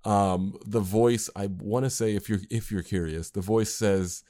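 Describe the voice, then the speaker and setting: A man's voice: lowish voice, steady tone, measured pace, dark tone. A man co-hosting a casual podcast chat, rambling with fillers and restarts. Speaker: podcast co-host and anime creator.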